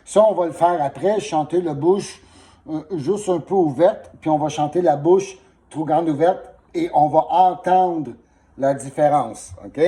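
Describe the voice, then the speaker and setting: A man teaches a one-on-one singing lesson, patiently walking a student through vowels. His voice sits fairly high but sounds mellow, and he speaks very slowly. A sore throat makes him cough and clear his throat often. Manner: patient, instructive, demonstrating vowels.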